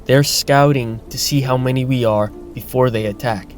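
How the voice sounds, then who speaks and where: Urgent fantasy clansman male actor, medium pitch, faint music underneath. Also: fairly even intonation, normal speed, natural voice. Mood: urgent warning. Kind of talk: dark fantasy audio drama acting.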